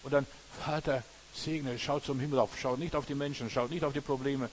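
A man's voice: medium pitch, steady tone, fairly quick, a little hiss or hum, low-quality recording. A man preaching a sermon with passion, quoting scripture by book and verse and speaking straight to his listeners. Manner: impassioned, quotes scripture with book and verse, addresses listeners directly.

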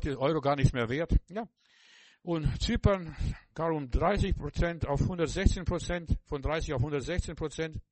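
A man preaching a sermon, emphatic and repetitive, speaking straight to the listener and swinging between loud exclamations and hushed passages. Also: sits high, no echo.

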